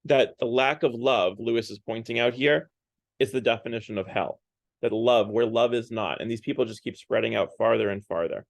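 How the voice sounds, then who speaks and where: Man, gravelly voice, dry close sound, casual Lenten church talk, conversational. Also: medium pitch, moderate pace, no room sound. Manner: conversational, often adds "right?" and "like". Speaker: parish speaker leading a Lent series.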